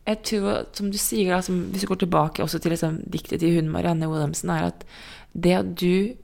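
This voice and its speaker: A woman's voice: fairly low pitch, steady tone, vocal fry, a little mellow. A woman co-hosting a podcast, speaking in an earnest, reflective way in casual conversation. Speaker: podcast co-host.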